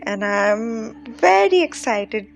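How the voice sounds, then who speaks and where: A woman speaking slowly and hopefully in a personal message. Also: fairly high pitch, very animated, creaky, over music, rough recording.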